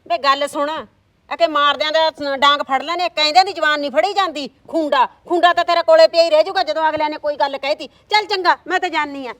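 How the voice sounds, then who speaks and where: This dry recording captures a woman with a high, steady voice talking fast as she acts in a village drama. She portrays a scheming middle-aged aunt, loud, nagging and coaxing as she makes mischief.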